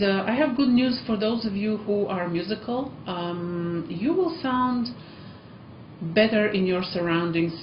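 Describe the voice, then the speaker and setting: An Eastern European woman who teaches at a language school gives learners casual, encouraging vlog talk in a fairly low voice, with many ums and uhs and an Eastern European accent. Slight background noise accompanies the echoey, muffled acoustics.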